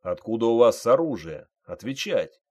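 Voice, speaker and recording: A man voicing a stern male army sergeant who barks orders slowly and loudly, in an audiobook reading. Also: medium pitch, very animated. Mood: commanding. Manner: barking orders, loud and slow.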